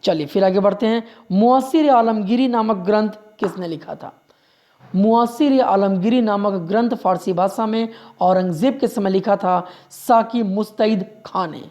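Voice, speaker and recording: A man's voice: high voice, moderate pace, a little mellow. A male history teacher runs an exam-prep lecture. He drills each fact by saying it again and again. He keeps pressing his listeners to remember every point and stops now and then to correct himself. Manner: drills facts by repeating them; corrects himself mid-sentence.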